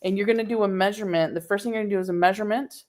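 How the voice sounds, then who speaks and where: A woman's voice: mid-range voice, very fast, darkish tone. A woman hosting a live sewing tutorial, chatting casually and answering viewer comments as she works, recorded on a laptop microphone in a home sewing room. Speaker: sewing instructor.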